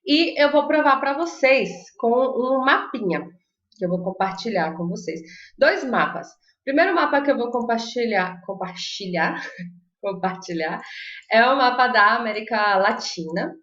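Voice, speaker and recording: A Portuguese-speaking woman teaching a live online Spanish lesson, chatty and encouraging, slowly modeling pronunciations. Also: fairly high pitch, lively intonation, a bit bright. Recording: echoey room, slightly dull sound.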